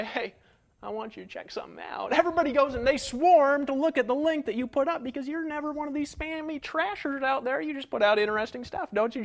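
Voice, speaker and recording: A man coaching an online marketing webinar from a home setup, energetic and folksy, full of rhetorical questions. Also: very high-pitched. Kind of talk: webinar teaching. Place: home setup in rural hills.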